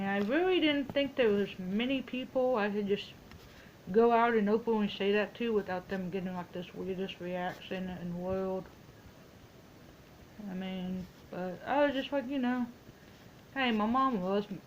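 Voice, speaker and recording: A woman's voice: mid-range voice, normal speed, slight background noise, poor audio. A woman in a casual, rambling phone chat, telling stories and quoting herself and other people as she goes. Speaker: vlogger making a phone call.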